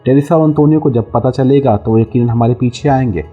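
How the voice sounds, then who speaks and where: A man's voice: mid-range voice, fairly quick, slightly rough, phone-quality sound, soft background music, lightly acted. A man voicing a cautious male army captain in a spy audiobook, respectful and reasoning. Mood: earnest.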